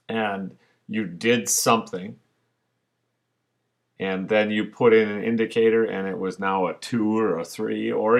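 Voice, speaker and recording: A man's voice: on the low side, gravelly. A male science teacher giving a recorded online lesson over slides, explaining patiently with frequent fillers.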